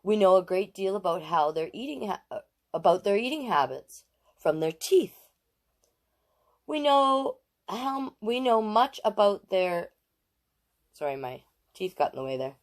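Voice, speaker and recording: A woman in her late forties hosts storytime, reading aloud to children with expressive emphasis and chatty asides. She speaks unhurriedly in a medium-pitched voice.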